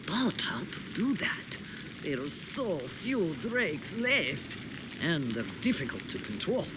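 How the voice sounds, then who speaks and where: A man playing an earnest, worried mentor in a video game, speaking in a dramatic, deliberate way. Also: a little high, sing-song. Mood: pondering, resolute. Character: earnest, worried mentor guiding a young wizard. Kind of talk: video game character acting. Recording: clear background game noise.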